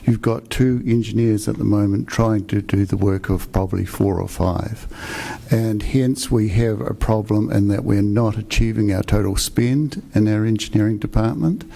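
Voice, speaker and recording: A man's voice: on the low side, moderate pace, creaky, dark tone. An older man with a New Zealand accent presenting to a city budget committee in a rambling, self-deprecating way, speaking into a desk microphone in a meeting room. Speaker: asset management coordinator.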